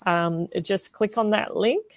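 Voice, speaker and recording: Slow-speaking woman hosting a live stream. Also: medium pitch, no room sound. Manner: warm encouraging listener, short affirmations. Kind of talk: casual interview chat. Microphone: video call.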